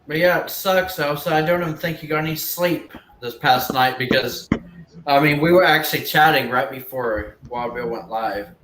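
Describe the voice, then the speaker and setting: Bright-voiced man rambling in an echoey room. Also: fairly high pitch, moderate pace, slight background noise. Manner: rambling, filler-heavy, swears casually. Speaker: stream co-host. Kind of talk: casual chat on a live stream.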